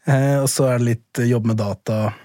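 Guy, principal on a podcast, lots of ehs and pauses, dry close mic. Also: medium pitch, steady tone, warm tone, no echo. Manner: thoughtful, hesitant with frequent fillers. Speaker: school principal and author. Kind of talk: podcast interview.

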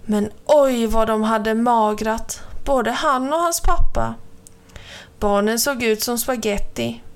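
Narrator: a woman with a fairly high voice, gentle lilting read for kids. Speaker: storyteller. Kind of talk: children's story reading.

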